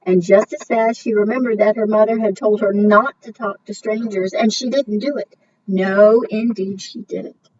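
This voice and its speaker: Woman teacher reading aloud from a distance. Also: medium pitch. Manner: expressive, drawn-out storytelling emphasis. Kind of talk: storybook read-aloud lesson. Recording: distant, dull recording with faint hiss.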